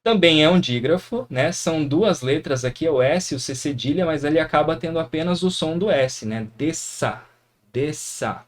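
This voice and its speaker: A man's voice: a little high, animated, normal speed, hardly any pauses. Encouraging Brazilian teacher man. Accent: Brazilian Portuguese. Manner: encouraging, frequent tag questions. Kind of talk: classroom lesson explaining grammar.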